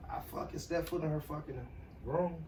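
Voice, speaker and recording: A man's voice: on the high side, moderate pace, a little mellow, slight background noise. A man telling a story in casual chat as a podcast co-host, profane and often laughing. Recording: echoey room, far from mic.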